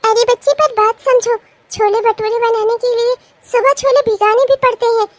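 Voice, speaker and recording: A woman voicing a teasing young daughter-in-law in a cartoon, who coaxes and gently mocks. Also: extremely high pitch, fairly even intonation, moderate pace, dry recording. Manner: gently mocking, coaxing. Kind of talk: cartoon voice acting.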